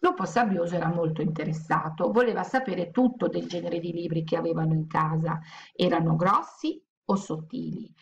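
A woman reading a children's storybook aloud in a gentle, steady storytelling manner. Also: lowish voice, normal speed, creaky, muffled recording. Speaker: audiobook reader.

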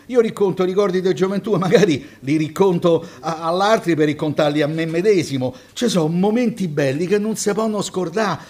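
A man's voice: high voice, darkish tone. A man doing a crude, boastful cabbie. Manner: boastful, rambling, chuckling. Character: crude, chatty older male taxi driver, grandfather.

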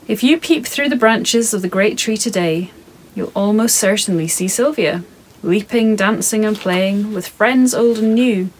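A woman in her thirties, recording in her home studio, reads her picture book to children in a soft, calm, measured mid-range voice. There's a little hiss or hum, and the audio quality is poor.

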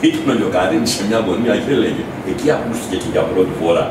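A man telling an anecdote about recording a demo, chatting loosely and quoting the people who were there. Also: deep voice. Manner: chatty anecdote with quoted asides. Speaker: musician, guest. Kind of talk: casual storytelling. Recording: echoey room, distant mic, noisy.

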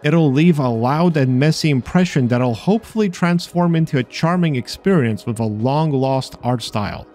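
Slightly high and darkish, this man's voice moves at a moderate pace with hardly any pauses. He's a games-exploring video host narrating scripted commentary on a video game, laced with dry sarcasm, while faint game music plays.

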